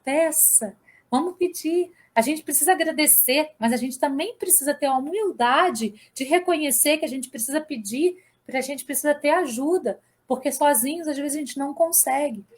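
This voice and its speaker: A woman's voice: sits high, moderate pace. A woman with a Brazilian Portuguese accent, reflecting in a casual, conversational way for a study group.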